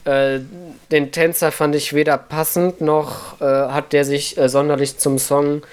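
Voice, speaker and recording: A man's voice: on the high side, flat delivery, measured pace, clear, resonant tone. A man co-hosting a podcast in casual chat, stating his opinions frankly. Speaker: podcast co-host.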